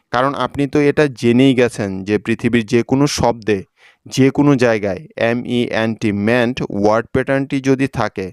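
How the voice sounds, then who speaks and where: Man teaching spelling, smooth dry voice. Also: medium pitch, no echo. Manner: patient, spells words out letter by letter. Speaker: English teacher. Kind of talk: scripted lesson narration.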